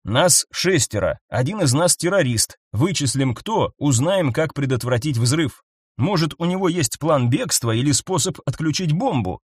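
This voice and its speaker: A man voicing a curt, stern private detective who speaks slowly and commandingly. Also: on the high side, lively intonation, husky, no echo, studio quality. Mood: deliberate. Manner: slow, clipped, commanding.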